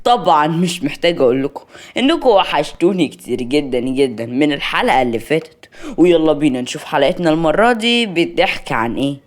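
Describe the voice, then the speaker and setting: Brief: Egyptian woman narrator, lowish voice, animated storytelling delivery. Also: quick pace.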